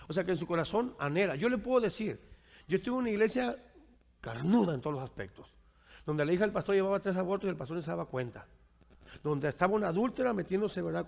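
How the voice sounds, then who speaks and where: A man's voice: high-pitched, vocal fry, in a large hall. A man preaching to his congregation and taking their questions, with a habit of asking "right?" after his points and calling his listeners brother. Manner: keeps asking "¿verdad?" and addresses listeners as brother. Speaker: pastor.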